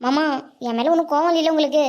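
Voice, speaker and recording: Bright-high, fast young niece, anxious and pleading voiced by a performer. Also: dull audio, natural voice. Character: timid young village niece.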